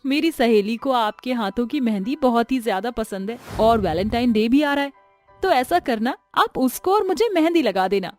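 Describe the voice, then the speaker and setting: A woman voicing a cruel, scornful young daughter-in-law in a storybook tale, with a shrill, sneering manner. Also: expressive, moderate pace, a little mellow, soft background music, close to an everyday voice. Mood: casual. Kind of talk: storybook voice acting.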